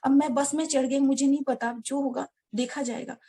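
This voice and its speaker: A woman telling a personal story to a devotional gathering, earnest and halting, often addressing her listeners directly. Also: high-pitched, fairly even intonation, dark tone. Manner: many restarts and hesitations. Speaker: devotee sharing a personal experience. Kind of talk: heartfelt personal storytelling to an audience.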